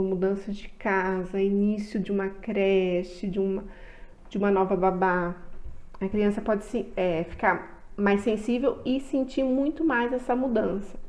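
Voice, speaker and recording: A woman with a Brazilian accent giving calm advice to parents, often checking in with "tá?". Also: medium pitch. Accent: Brazilian Portuguese. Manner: gentle advice with frequent "tá?" check-ins. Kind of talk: talking to parents.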